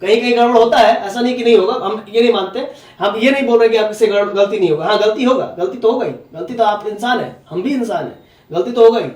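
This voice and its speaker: Blunt high-voiced male maths teacher, Jharkhand accent, recorded in an echoey room with the mic a bit far off. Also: darkish tone. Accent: Hindi from Jharkhand. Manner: blunt, scolding, repeats "है ना?" and "ठीक है?". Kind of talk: classroom maths lecture.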